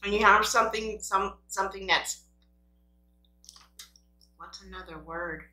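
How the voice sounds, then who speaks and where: Bright-voiced woman chatting over a meal, roomy echo. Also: mid-range voice, a little slow. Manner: talks between bites with small appreciative mm sounds; playful self-talk, grumbling at the food. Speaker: mukbang vlogger. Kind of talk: casual chat to camera while eating. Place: room at home. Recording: roomy, echoing indoor sound.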